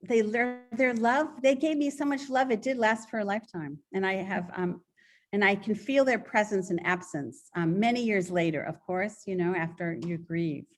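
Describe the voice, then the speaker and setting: A woman's voice: medium pitch, normal speed. A middle-aged woman poet talking in an interview, chatty and digressive with frequent restarts, at times reading her poems aloud. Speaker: poet and author guest. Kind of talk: conversational interview and poetry reading.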